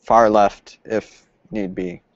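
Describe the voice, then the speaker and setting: A man's voice: fairly low pitch, flat delivery, slow pace, no echo. A man giving his opinion in an online team meeting, in a hedging, casual way that corrects itself. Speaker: team member. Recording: muffled call audio.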